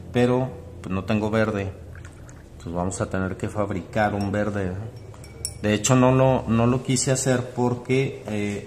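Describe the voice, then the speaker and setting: Guy teaching acrylic painting, kinda low voice, talks while he paints, bit of hiss behind. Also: a little mellow. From Mexico. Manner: explains step by step while painting, thinking aloud; often ends phrases with tag questions. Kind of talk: online art class demonstration.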